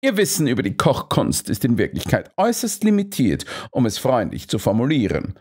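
A man's voice: medium pitch, wildly swooping pitch, fairly quick, slightly rough, pitched above the performer's own voice. A man reading an audiobook, voicing a shrewd Victorian detective who speaks in a polite, coolly precise and ironic way. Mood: coolly accusing. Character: shrewd male Victorian detective, calm and cutting.

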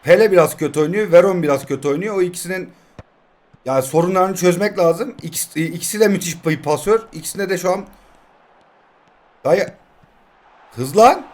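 Excitable young male gamer, loud bursts over his own mobile football match, then quiet grumbling. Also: high-pitched, a little fast, pauses often. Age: 20s. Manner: excitable, shouts at players, swings between yelling and muttering. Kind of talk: live gameplay commentary.

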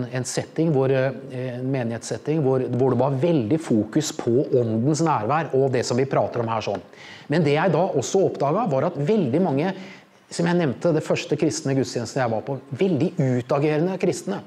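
A man's voice: a little high, a little mellow. A man giving informal Bible teaching, telling anecdotes in a rambling way with many fillers and tag questions.

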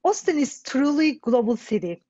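Woman, high voice, careful read-out, dull lo-fi audio. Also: very animated, moderate pace, mellow. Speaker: presenter. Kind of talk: scripted read-out.

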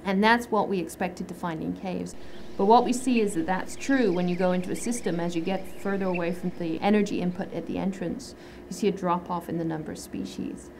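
A woman's voice: fairly low pitch, steady tone, a little fast, hardly any pauses, darkish tone, a little hiss or hum. A woman in her thirties, a microbiologist, explaining her research in a documentary interview in a lab, gesturing as she talks. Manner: explanatory, gestures while talking. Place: indoor lab.

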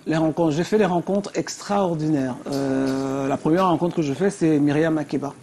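A middle-aged woman from Cameroon with a Cameroonian accent and a deep, low voice, a singer telling lively stories as a guest on a TV talk show. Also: normal speed, a little hiss or hum. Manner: lively anecdotal storytelling.

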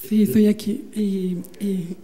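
A Mexican man in his twenties, from Mexico City, giving a comic audition, soft and giggly, holding a handheld mic in an indoor casting room. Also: high-pitched, little pitch movement, slow. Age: 20s. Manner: soft, sweet and giggly, gushing about tenderness. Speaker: audition candidate.

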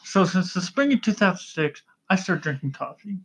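Loud excitable man yelling into the mic. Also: high voice, moderate pace, breathy edge. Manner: rambling storyteller who keeps saying "okay?". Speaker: podcast co-host. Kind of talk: casual podcast chat.

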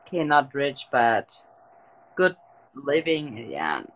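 Lying in her bedroom at night, a young woman from Germany hosts a late-night livestream, talking easily with her viewers through a phone close to her face. Her bass voice carries a German accent and moves slowly, and the audio quality is low.

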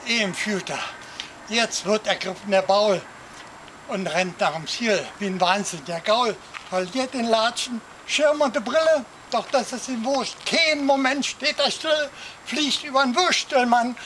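A man reciting a rhyming comic poem for an audience, lively, jumping up in pitch for shouted cries. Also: measured pace, a little hiss or hum, poor audio. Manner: lively storytelling, swings voice up for quoted cries. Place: outdoor garden theatre.

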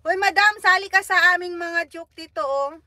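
High-pitched giggly woman streamer. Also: moderate pace, bright, forceful tone. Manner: giggly, teasing, reads viewer comments aloud. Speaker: livestream host. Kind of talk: casual livestream chat.

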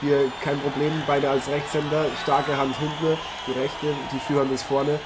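A man plays an eager, effusive TV boxing host in an improvised German audio drama, speaking at a moderate pace in a slightly high, level voice close to his everyday one. He sounds engaged and addresses viewers formally, with noisy arena ambience behind him.

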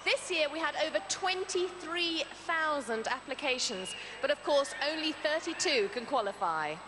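A woman's voice: high-pitched, lively intonation, normal speed. A woman in her thirties co-hosting a 1990s TV game show in an indoor arena, chatty and upbeat on a handheld mic. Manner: bright, chatty, upbeat presenting. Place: indoor sports arena with a cheering crowd. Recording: noisy 1990s arena broadcast sound.

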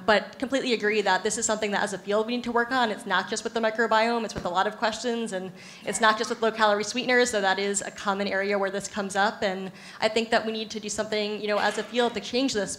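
Fast-talking woman on a panel. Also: medium pitch, a bit bright, slight background noise. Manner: fluent, agreeable, lots of fillers. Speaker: panelist researcher. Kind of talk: panel discussion answer. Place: conference stage. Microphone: handheld mic.

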